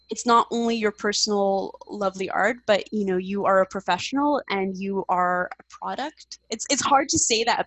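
A woman's voice: medium pitch, fairly bright tone, no room sound, low-quality recording. A woman guest on a podcast interview, talking in a chatty, upbeat way with lots of fillers. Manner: chatty, upbeat, many fillers like "like" and "um", laughs often.

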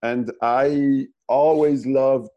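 A man's voice: medium pitch, fairly even intonation, drawn-out words, highs cut off. A man from German-speaking Switzerland, an animator guest in a casual interview, who talks in a rambling way with many restarts and fillers.

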